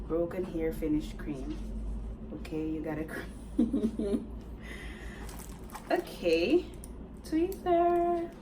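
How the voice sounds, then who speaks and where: Woman vlogger, chatty, excitable, slow pace, set back from the mic. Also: fairly low pitch, far from the mic, background noise. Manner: excitable, chatty, talks straight to viewers. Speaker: beauty vlogger. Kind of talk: casual unboxing vlog.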